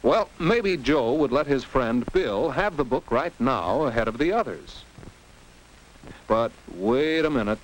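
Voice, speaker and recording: An American man narrates a 1950s educational film for teenagers, reading a didactic script like a commentator who asks questions and exclaims. His voice sits in the mid-range, with lively intonation and a measured pace. The soundtrack is old and noisy, typical of 1950s film.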